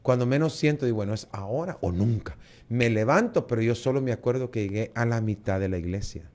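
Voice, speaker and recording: A man with a Guatemalan Spanish accent tells his story as an interview guest. He gets animated, putting on the voices of the people he met and doubling up on words as he goes. His pitch sits in an ordinary middle range. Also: brisk. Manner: lively storytelling, acts out dialogue, repeats words. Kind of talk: testimony in an interview.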